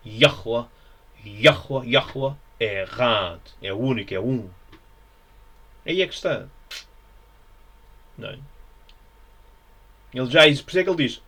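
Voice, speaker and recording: A man's voice: medium pitch, sharp tone. A man with a European Portuguese accent giving an informal Bible study, musing and repetitive, often checking with his listeners. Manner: musing, repetitive, frequent tag questions. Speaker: religious teacher.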